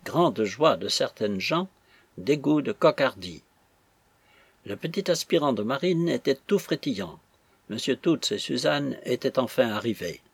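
A man narrating a novel chapter in a measured storytelling manner. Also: mid-range voice, big pitch swings, creaky, husky, dry recording. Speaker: audiobook narrator.

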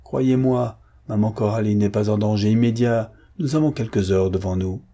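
A man voicing a calm, confident gentleman who speaks in an assured, reassuring way in an audiobook. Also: fairly low pitch, normal speed.

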